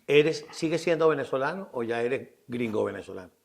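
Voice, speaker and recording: A man's voice: mid-range voice, animated, brisk, vocal fry. A man hosting an interview, asking questions in an affirming, rhetorical way. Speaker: interview host.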